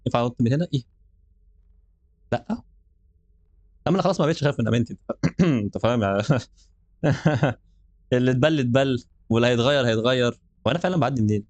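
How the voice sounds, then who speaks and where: A young man with an Egyptian Arabic accent talks at a very rapid clip while he plays a horror game. He jokes and sounds nervous, with a dry, close sound and no room around him. His pitch sits in the middle range. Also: darkish tone, dry recording. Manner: jokey, nervous, laughs often. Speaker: gaming channel host. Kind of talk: let's play commentary.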